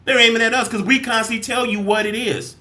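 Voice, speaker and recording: This is a man with a fairly high voice, commenting in a heated, irritated way on a clip he is playing. He swears freely and talks directly to his audience. When he reads verses aloud, he slows right down. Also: fairly even intonation, pushed and bright. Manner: irritated, profane, talks straight to viewers; reads scripture slowly and deliberately. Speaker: reaction video host.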